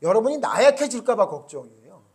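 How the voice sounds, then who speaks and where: A man's voice: high-pitched, sing-song, quick pace, a little mellow. A male pastor giving a Sunday sermon in a church, talking conversationally and often putting questions to the congregation. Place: church sanctuary.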